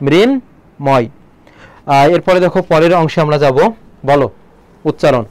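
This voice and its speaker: A Bangladeshi man leads an online exam-prep lesson, firing quick questions at his students as he explains. His voice sits high and smooth, and the sound is dry and close. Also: no room sound. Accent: Bangladeshi Bengali. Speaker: teacher.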